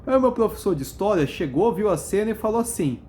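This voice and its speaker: A vlogger ranting to camera in a casual, blunt, slangy way, laughing at their own stories and jumping up in pitch for emphasis. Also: animated, fast, darkish tone, a little hiss or hum. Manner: profane, blunt, slangy storytelling; mimics other people's voices when quoting.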